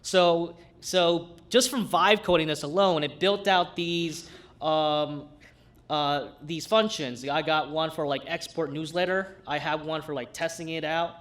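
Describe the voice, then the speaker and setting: At a hack night, a non-developer from New York City with a Brooklyn accent presents a live demo in an informal, conversational way. His voice is a little high and fairly bright, with fairly even intonation at a measured pace.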